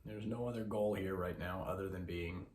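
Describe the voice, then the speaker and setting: A man who teaches mindfulness, talking slowly and calmly with long pauses as he guides a meditation. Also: low voice, roomy sound, a little hiss or hum. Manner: slow, calm, pausing instructions. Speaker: mindfulness instructor.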